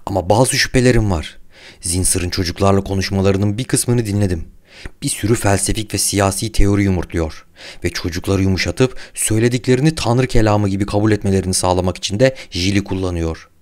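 A man's voice: sits low, a little fast, a little mellow, close to an everyday voice. A man voicing a frightened middle-aged male scientist who stammers and then rambles on nervously in an audiobook.

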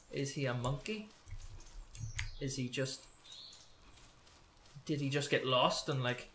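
Bright-voiced young Scottish gamer, sweary and jumpy. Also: male voice, medium pitch. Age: young adult. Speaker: gamer host. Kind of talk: gameplay commentary. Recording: roomy echo, faint background noise.

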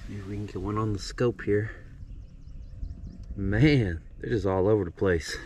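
A man's voice: a little slow, darkish tone, a little hiss or hum. A man, giving casual, upbeat commentary from a boat while fishing, recorded on an action camera outdoors. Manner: laid-back, upbeat, says "boom" a lot. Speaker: fishing channel host.

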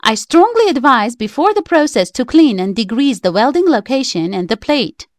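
A woman's voice: a little high, big pitch swings, moderate pace, dry recording, faint music behind. A woman reading a prepared script as the voice-over narrator of a DIY electronics tutorial, in plain, slightly stiff phrasing.

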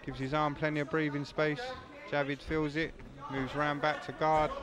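A man's voice: a little high, level tone, moderate pace. A man giving live MMA fight commentary in clipped, present-tense phrases. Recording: loud venue crowd noise behind. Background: loud crowd.

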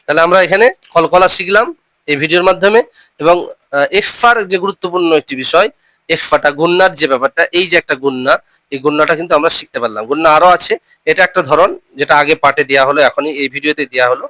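Step by step, a man teaches recitation rules, spelling letters and syllables slowly before saying them again and frequently urging listeners to remember the rules. He sounds bright and slightly high-pitched. It's a low-quality recording, close and dry, without echo or any room ambience.

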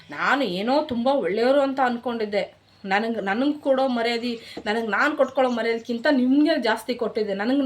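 A young woman vlogger with a Kannada accent, scolding her viewers in an indignant, emphatic rant straight to camera. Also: fairly high pitch. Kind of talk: emotional direct-to-camera rant.

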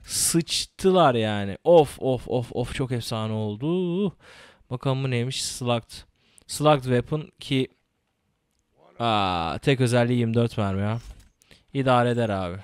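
A young man giving casual, excitable gameplay commentary, swearing and repeating words rapidly. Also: mid-range voice, smooth, dry recording, clean studio sound.

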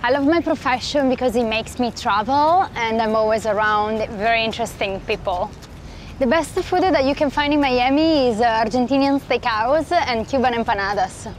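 A woman from Sardinia speaks English with an Italian accent, pausing often with fillers. Her voice sits a little high. Faint street ambience sits behind her. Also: a little hiss or hum, low-quality recording. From Sardinia, Italy. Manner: hesitant, with many fillers. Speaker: wine sales manager. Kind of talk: interview monologue. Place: outdoors on a street.

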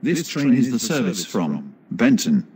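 A man's voice: medium pitch, very animated, a little slow, a little mellow, slightly rough, full character voice. A man playing an automated station platform announcer, reading scripted announcements in formal, list-like phrases. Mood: measured, formal. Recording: background railway noise.

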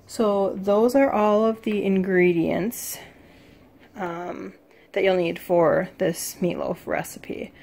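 A woman's voice: mid-range voice, fairly even intonation, slow, darkish tone. A young woman talking casually in her home kitchen as she cooks, rambling with lots of fillers, filmed on a phone held at arm's length. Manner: chatty and rambling, with many fillers. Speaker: cooking vlogger. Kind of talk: casual cook-along vlog. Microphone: phone camera at arm's length.

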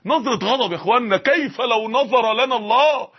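High-voiced, impassioned Egyptian preacher. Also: male voice, breathy edge. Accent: Egyptian Arabic. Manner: impassioned, rapid-fire rhetorical questions. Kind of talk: sermon. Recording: dull lo-fi lecture recording.

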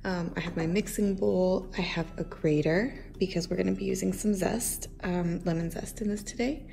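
A woman's voice: fairly low pitch, fairly even intonation, moderate pace, vocal fry, mellow. A woman in her thirties chatting casually through a home baking demo in her kitchen, rambling with lots of fillers.

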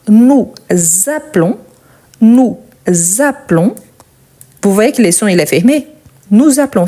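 A woman teaching French verb conjugation, explaining slowly and stressing each example word, often checking in with "Ok?". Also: mid-range voice, warm tone, breathy edge. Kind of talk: conjugation lesson.

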